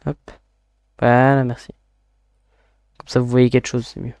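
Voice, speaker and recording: Slow, casual game streamer muttering along. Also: medium pitch, level tone, gravelly, darkish tone, no room sound, studio quality. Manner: chatty, muttering to self, casual swearing. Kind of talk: casual live-stream commentary.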